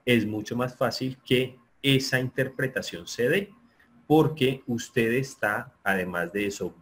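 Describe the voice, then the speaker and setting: A man giving an online lecture, explaining in a steady, repetitive way and often checking that listeners agree. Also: fairly low pitch. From Colombia. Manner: explanatory, repeats himself, asks listeners for agreement. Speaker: sports psychology lecturer.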